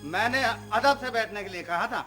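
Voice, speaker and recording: A man's voice: high voice, fairly quick, pushed and bright, soft background music. A stern, fussy father-in-law. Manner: scolding, insists on manners.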